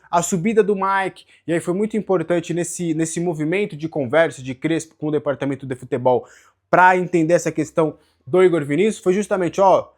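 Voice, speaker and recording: A Brazilian man presents football news as a journalist hosting his own channel. His pitch is high for a male voice, and his delivery is conversational commentary with a Brazilian Portuguese accent. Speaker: sports journalist and channel host.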